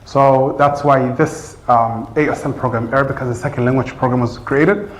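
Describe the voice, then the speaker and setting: In a large community-center room with roomy echo, a man who teaches Arabic and speaks English as his first language talks informally to his class. His mid-range voice moves at a normal speed, earnest and loose, full of fillers and restarts.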